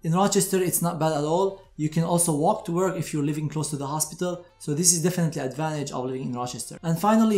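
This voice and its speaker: Seated in a shelved indoor room, a doctor in his 30s speaks to camera, offering structured, explanatory advice to medical graduates. His voice is on the high side and slightly mellow, with reverberation, and music plays behind him.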